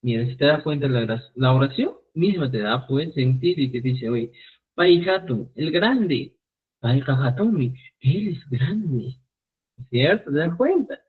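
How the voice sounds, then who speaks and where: A man teaching a live online Quechua class, repeating phrases slowly for students. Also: medium pitch, expressive, breathy edge. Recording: phone-like narrow sound.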